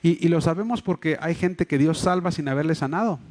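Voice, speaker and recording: A man's voice: a little high, a little fast, a little mellow. A man preaching a sermon as pastor, with a Mexico City Spanish accent, explaining earnestly with many fillers and restarts. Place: church hall. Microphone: livestream microphone.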